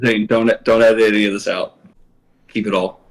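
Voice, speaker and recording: A man's voice: lowish voice, flat delivery, a little fast, poor audio. Blunt man joking with friends. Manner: blunt, swearing. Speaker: player. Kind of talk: casual banter with friends.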